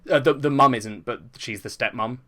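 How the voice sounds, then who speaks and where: A man co-hosting a casual film podcast, animated and prone to imitating sound effects, swearing freely. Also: mid-range voice, moderate pace. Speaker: podcast co-host.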